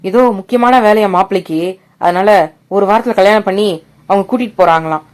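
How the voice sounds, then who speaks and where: A woman's voice: medium pitch, fast, lightly acted. A woman voicing a talkative village father telling his wife news. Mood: happy. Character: cheerful village father, proud of his daughter.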